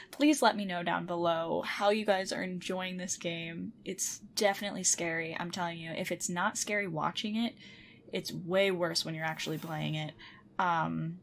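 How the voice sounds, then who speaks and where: A young woman giving casual, exasperated horror game commentary from her room at home. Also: on the low side. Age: young adult. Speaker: gamer, host of a let's play. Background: horror game ambience and machine noise.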